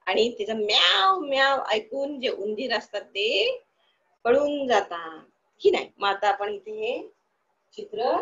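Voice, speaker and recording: A woman's voice: medium pitch, dull audio. A woman teaching young children in an online class, asking the class questions and answering them herself in a sing-song, coaxing way.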